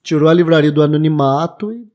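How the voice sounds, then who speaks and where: Reflective Brazilian man, late 20s, podcast guest; mellow tone, slightly higher pitch, halting restarts. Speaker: bookshop owner, guest. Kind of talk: casual podcast interview.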